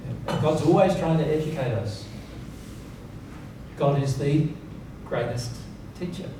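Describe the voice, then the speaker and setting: An unhurried man with a fairly high voice informally teaches spiritual principles to his audience. He speaks emphatically, circles back to key words, and uses rhetorical questions to check they're keeping up. The reverberant seminar room sounds very echoey and noisy through a distant mic.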